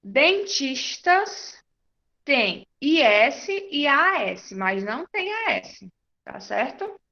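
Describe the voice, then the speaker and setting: A woman teacher, giving a patient, slow-paced class to young children and confirming their answers. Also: sits high, very animated, vocal fry, bright, forceful tone, highs cut off. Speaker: primary school teacher.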